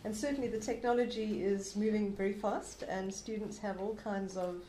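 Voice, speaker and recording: A woman's voice: mid-range voice, steady tone, normal speed, mellow. A woman answering on a panel discussion, thoughtful and repeating words as she goes, in an echoey lecture room. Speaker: panelist, academic. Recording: echoey room, faint hiss.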